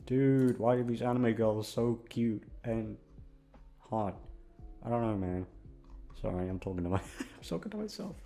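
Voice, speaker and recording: Over background music, a young male audio content creator rambles casually in a dark, lowish voice. He is expressive, keeps a measured pace and pauses often, and his talk is goofy, sweary and self-deprecating.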